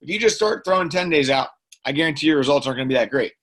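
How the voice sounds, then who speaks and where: A man's voice: fairly high pitch, lively intonation, rapid-fire, fairly bright tone. A man giving a motivational training talk to his sales team, emphatic and repetitive. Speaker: team leader.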